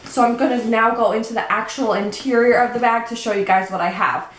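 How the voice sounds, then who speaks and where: A woman's voice: on the high side, steady tone, fairly quick. Breathless, chatty young woman vlogger. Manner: chatty, explains products step by step. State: a little out of breath. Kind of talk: casual show-and-tell vlog. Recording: echoey room with faint background noise.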